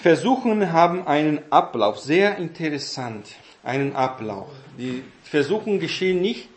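A man giving a Bible teaching talk in a halting way, with many fillers and tag questions. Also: on the high side, expressive, reverberant, a little hiss or hum. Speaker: preacher.

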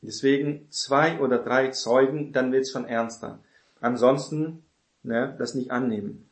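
Mann, lockere Bibellehre in hallendem Raum. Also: male voice, mid-range voice, steady tone, measured pace, reverberant. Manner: conversational, frequent tag questions, acts out quoted voices. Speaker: preacher teaching on church elders. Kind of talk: informal Bible teaching.

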